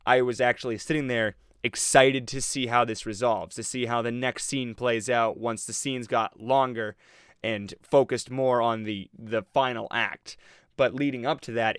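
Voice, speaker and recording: A man's voice: medium pitch, a bit bright, clear, resonant tone, no room sound, studio quality. A man giving a rambling, sarcastic movie review, acting out the audience's reactions as he goes. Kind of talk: casual commentary.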